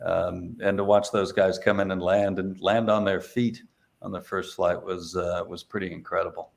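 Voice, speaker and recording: Middle-aged male guest, gravelly low voice, halting storyteller full of fillers. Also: level tone. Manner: hesitant, many fillers and restarts. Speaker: paramotor instructor and guest. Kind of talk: casual interview storytelling.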